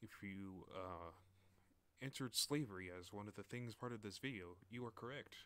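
A man's voice: fairly low pitch, moderate pace, fairly bright tone, smooth. A man streaming live, casually joking and commenting over a video he watches.

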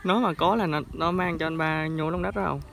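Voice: medium pitch, gravelly. Chatty voice, noisy outdoors. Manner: chatty, halting, many restarts. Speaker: vlogger filming hair plucking. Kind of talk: casual chat.

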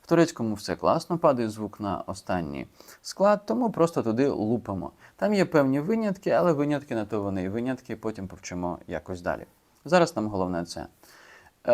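A man casually explaining how he learns vocabulary, chatty and informal, with fillers and restarts. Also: medium pitch. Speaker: language learner sharing his method. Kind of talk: casual video lesson.

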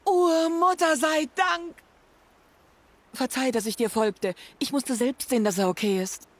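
A woman voicing a caring sister who speaks gently in a video game dub. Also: sits high, measured pace. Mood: relieved.

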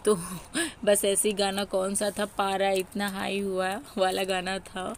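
A woman's voice: medium pitch, completely flat delivery, slow pace, a little hiss or hum. A young woman with an Uttar Pradesh Hindi accent chatting casually to her viewers as a family vlogger. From Uttar Pradesh, India. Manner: chatty, addresses viewers as guys. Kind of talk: casual vlog narration over footage.

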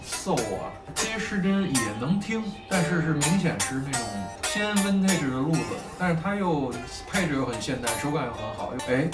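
Male guitarist, Beijing accent, casual fast talker, echoey off-mic recording with music behind. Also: medium pitch, recorded from a distance. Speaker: guitarist reviewing gear. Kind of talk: casual chat.

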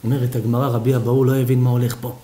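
A man giving a humorous sermon as a rabbi, animated and full of rhetorical questions. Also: mid-range voice, roomy sound, a little hiss or hum.

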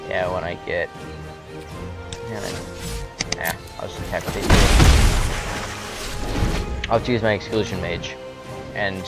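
Young guy with a low voice talking through his card game, wry and laid back, hiccuping, loud music behind. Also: measured pace, pauses often. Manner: relaxed, wry, thinking aloud with fillers. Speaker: gamer. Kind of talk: casual gameplay commentary.

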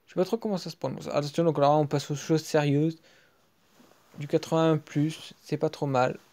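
A French-accented man talks through his pack openings in a loose, off-the-cuff way. His voice is mellow and warm. He drops to low mutters, then bursts out in excitement over a good pull. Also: moderate pace. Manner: excitable, trailing off to mutters between outbursts. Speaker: gaming video creator. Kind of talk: casual live commentary while opening card packs. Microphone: screen-recording app mic.

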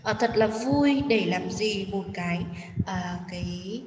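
A woman teacher patiently explaining a textbook exercise to students, often pausing with fillers and asking if they follow. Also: medium pitch. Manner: patient, explanatory, with frequent hesitation fillers and check-in questions. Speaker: English teacher. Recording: echoey room, mic far off, faint noise.

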